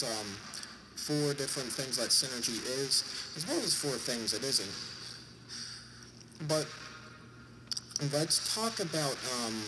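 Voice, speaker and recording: Stuffy-nosed man explaining over clear background noise. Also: mid-range voice. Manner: jokey, irreverent asides. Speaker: vlogger summarizing a book. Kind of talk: informal explainer talk to an audience.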